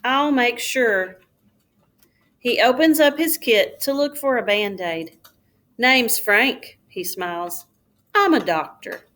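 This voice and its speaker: Reading a children's storybook aloud in the manner of a schoolteacher, a woman tells the story carefully and expressively. Her voice sits on the high side and her pace is slow.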